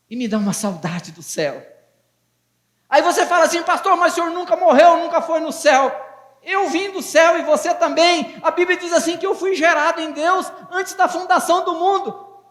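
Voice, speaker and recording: A man's voice: very high-pitched, fairly bright tone. A man in his fifties from Brazil, a pastor preaching a fervent, folksy sermon and joking with his congregation. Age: 50s. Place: church hall. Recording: echoey church hall with long reverb.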